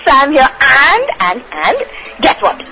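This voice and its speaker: A woman's voice: high-pitched, sing-song, slow pace, loud music behind the voice, poor audio. A young woman with a North Indian accent co-hosting a radio show, chatting casually in a gushing, girlish way. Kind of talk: casual chat mixing Hindi and English.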